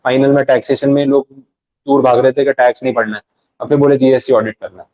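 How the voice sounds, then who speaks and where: A man's voice: mid-range voice, little pitch movement, a little mellow, no room sound, lo-fi sound. A man giving a live revision lecture in a chatty way, acting out short bits of dialogue. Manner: fast, conversational, acts out little dialogues.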